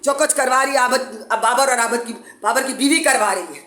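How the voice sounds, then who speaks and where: Speaking to camera indoors at her home, a Pakistani mother delivers an urgent, accusing complaint as a public appeal, pleading repetitively. Her high, bright voice comes a little fast with a forceful tone, and the room echoes.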